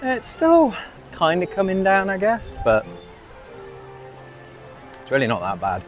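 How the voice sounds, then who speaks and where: A man's voice: sits high, wildly swooping pitch, a little slow. Man, casual vlog chat, upbeat and self-mocking, outdoors in a rainy theme park, park music in the background.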